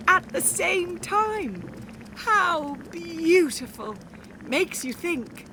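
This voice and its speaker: Here a medium-pitched woman performs a first-person audiobook monologue as a wry, exuberant Icelandic cafe owner and volcano guide. Awed and exclaiming, she peppers the narration with theatrical, confiding asides, while background noise runs through the recording.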